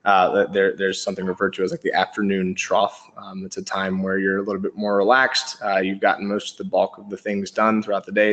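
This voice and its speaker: Low flat-voiced man giving a webinar. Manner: steady explaining with many ums and uhs. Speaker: company presenter. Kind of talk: webinar presentation.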